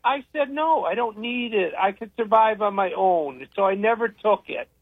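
Older male radio host, high-pitched voice, opinionated rambler, thin phone-line sound. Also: expressive, normal speed, no echo. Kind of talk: casual radio talk.

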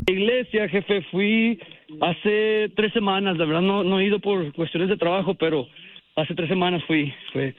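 Man, 20s, radio caller, high voice, hesitant, lots of fillers, tinny phone line. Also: moderate pace. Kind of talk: casual phone chat.

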